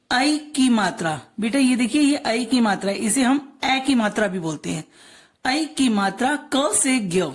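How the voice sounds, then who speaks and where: A woman teacher giving a slow, patient lesson to children. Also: fairly high pitch. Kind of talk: online class lesson.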